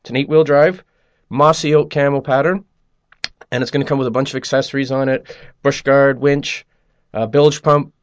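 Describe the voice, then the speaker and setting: A man's voice: medium pitch, fairly even intonation, normal speed, dull audio. A man from a company talking up a giveaway contest in an enthusiastic, promotional way. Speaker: company representative. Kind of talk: casual interview chat.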